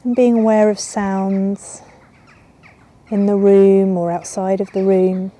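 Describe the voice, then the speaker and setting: Her mid-range voice is warm but flat in delivery as she guides a yoga nidra relaxation, unhurried and calming with long pauses. This woman yoga teacher is outdoors in a garden, where birdsong and ambient garden sounds can be heard.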